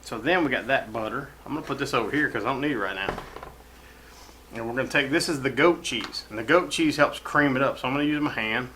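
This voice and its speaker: A man's voice: medium pitch, fast talker, sharp tone, roomy sound, a little hiss or hum, rough recording. A man hosting a casual home cooking show, talking in a rambling, profane, folksy way from his kitchen.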